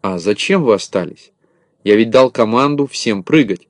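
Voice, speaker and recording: A man voicing a clever, calm little shorty leader who sounds puzzled and dryly mocking in a storybook reading. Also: fairly low pitch, moderate pace, no echo, studio quality, close to an everyday voice.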